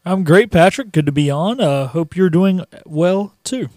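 A man with a fairly high voice co-hosts a sports radio show. He speaks casually and chummily, like a sidekick giving his take. The sound is close and very dry. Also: lively intonation, unhurried, a little mellow, dry recording.

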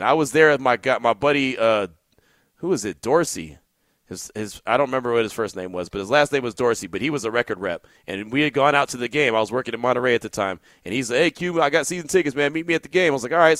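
A male sports radio host in a relaxed storytelling groove, laughing as he goes. His voice sits a touch high and sounds bright and forward. The studio sound is dry and close. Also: no room sound. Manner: laid-back, laughing anecdotes.

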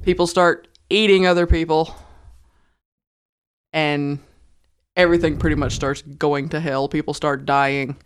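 A woman's voice: low voice, fairly even intonation, measured pace, long pauses, slight background noise. A woman guest on a podcast, casually recapping horror movie plots and agreeing along with the host.

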